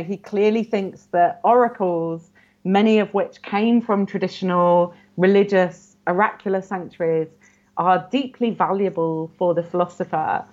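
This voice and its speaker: A woman scholar in an interview, explaining ancient texts earnestly and often saying "you know". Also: fairly low pitch. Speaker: guest scholar. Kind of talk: academic interview. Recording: muffled lo-fi audio.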